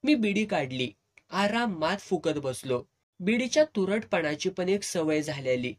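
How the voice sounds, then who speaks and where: A male storyteller reads a serialized novel aloud, telling it in the first person. His voice sits a little high for a man, and he keeps the dialect of the story's world in his narration. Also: very animated, a little slow.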